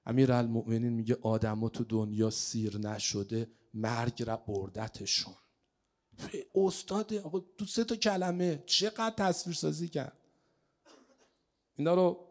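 Preacher, storytelling sermon, slow Arabic recitation, swings loud to hushed. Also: male voice, medium pitch. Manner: recites Arabic slowly, then explains in Persian; dramatic swings between loud and hushed delivery. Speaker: religious speaker.

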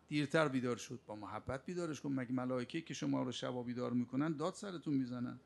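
Gravelly-voiced man preaching a sermon. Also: a little high. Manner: rebuking, with sharp rhetorical questions.

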